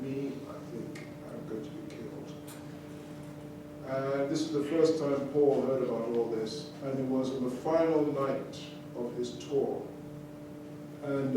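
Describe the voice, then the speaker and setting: On stage between numbers, a man with a mid-range voice shares his life story with the crowd, speaking conversationally and often restarting or using fillers. Captured from afar in an echoing concert hall, the audio is noisy and full of audience ambience.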